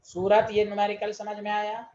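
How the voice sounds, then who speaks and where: A man's voice: high-pitched, monotone, moderate pace, a little mellow, muffled recording. A man teaching chemistry in an online class, exasperated and quizzing his students again and again.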